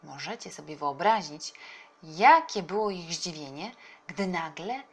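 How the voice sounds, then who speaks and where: Expressive woman reading a children's story. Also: lowish voice, a little slow, husky. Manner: expressive, animated narration.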